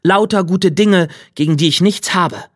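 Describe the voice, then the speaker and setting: A man's voice: high voice, normal speed, no echo, studio quality, pitched above the performer's own voice. A man voicing a proud, bold young male turner journeyman in a fairy tale. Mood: eager. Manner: bright, eager and boastful.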